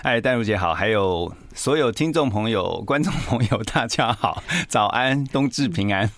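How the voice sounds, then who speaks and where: A man's voice: lowish voice, lively intonation, normal speed, fairly bright tone, no echo. A middle-aged man, a guest author on a radio interview, telling chatty stories about his family. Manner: chatty storyteller, quotes family.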